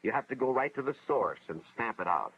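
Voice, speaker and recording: An actor as an earnest 1950s educational film narrator, American man, expressive. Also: medium pitch, a little fast, a little hiss or hum, lightly acted. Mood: earnest, dramatic. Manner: earnest, dramatic, moralizing storytelling. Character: earnest school official narrating a cautionary tale. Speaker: narrator, a school official telling a story. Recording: dull vintage film soundtrack, music behind.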